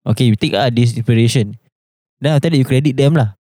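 A man's voice: mid-range voice, quick pace, warm tone, dry recording, studio quality. A young man hosting a podcast in casual Singlish-style English mixed with Malay, with lah and ah particles and repeated phrases. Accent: Singaporean or Malaysian, Singlish-style. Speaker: podcast host.

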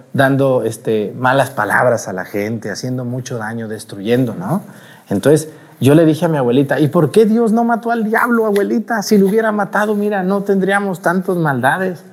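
Animated priest preaching at mass. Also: male voice, medium pitch. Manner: animated, asks the congregation rhetorical questions. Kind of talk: sermon at mass.

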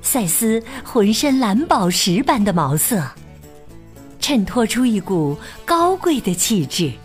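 A woman narrating a children's storybook in an expressive, animated way. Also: mid-range voice, slow, soft background music.

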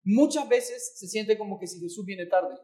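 High-voiced male pastor reading scripture. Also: lively intonation, normal speed, mellow. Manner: reads scripture aloud, then explains it; corrects his own misreadings. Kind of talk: bilingual sermon with interpreter.

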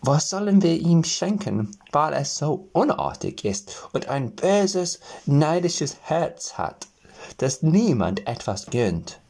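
Guy reading aloud, doing tiny forest men from a storybook, higher voice, slow and solemn, handing out magic gifts. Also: very animated, gravelly, a little mellow, husky, full character voice. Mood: stern. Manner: slow, solemn gift-giving. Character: three little forest men, kindly yet stern.

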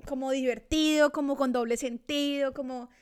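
A woman's voice: high voice, fairly even intonation, normal speed, a little mellow. A woman in her thirties chatting casually and reflectively, with many restarts. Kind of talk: casual conversation. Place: Australia.

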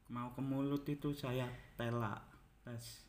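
A man's voice: mid-range voice, level tone, slow pace, a little mellow. Young man telling a candid story, echoey room. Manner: storytelling, candid, repeats his words. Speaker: guest. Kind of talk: casual chat. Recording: echoey room with faint background noise.

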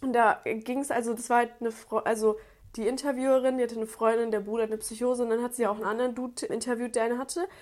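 A woman's voice: a little high, flat delivery, fast, a little mellow. A young woman in casual chat, retelling things in a chatty, slangy way.

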